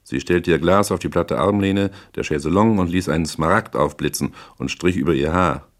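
A man's voice: deep voice, brisk. A man narrating a hardboiled novel in the first person, in a dry, laconic delivery. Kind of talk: audiobook reading of a hardboiled novel.

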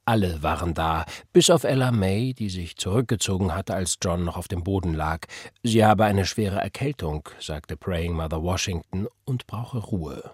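A man giving measured, solemn audiobook narration into a close mic. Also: low-pitched, husky, no echo.

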